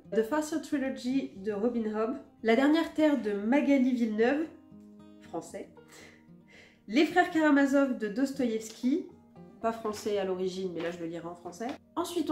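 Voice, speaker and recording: A woman chatting casually as a book vlogger about her reading list, talking in a relaxed, self-mocking way with plenty of fillers. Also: fairly high pitch, roomy sound.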